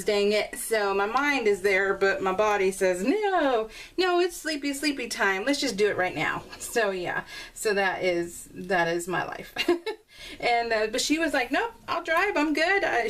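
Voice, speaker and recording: A middle-aged woman who makes scrapbooking videos chats and rambles casually in a voice-over while working on a scrapbook layout. Her voice sits on the high side with a fairly bright tone, and she laughs often.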